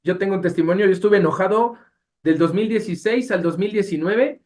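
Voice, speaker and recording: A man with a Mexican accent teaching a Bible study class, talking in an animated way and asking his listeners rhetorical questions. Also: sits high, a little fast. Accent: Mexican Spanish.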